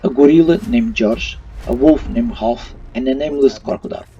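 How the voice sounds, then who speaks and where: This male YouTube movie reviewer delivers his opinions as a voice-over, using non-native English phrasing. His medium-pitched voice is dark and fairly quick. Faint music plays behind a muffled, somewhat distant mic.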